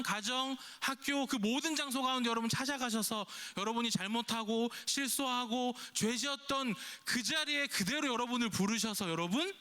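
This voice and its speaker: A man's voice: very high-pitched, bright, forceful tone. A male pastor giving a youth service sermon, chatty and questioning, often quoting imagined speech in character. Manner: conversational preaching, keeps asking the congregation questions; acts out imagined lines in a quoted voice.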